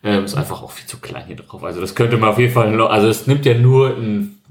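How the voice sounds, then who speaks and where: A man's voice: lowish voice, quick pace. A man co-hosting a casual podcast, sarcastic and critical of designs. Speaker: podcast co-host. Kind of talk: casual chat. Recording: echoey room.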